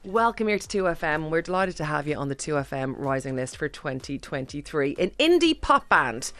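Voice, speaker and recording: A woman's voice: low voice, big pitch swings, a little fast, fairly bright tone, no echo. A woman with an Irish accent hosting a radio interview. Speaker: radio host.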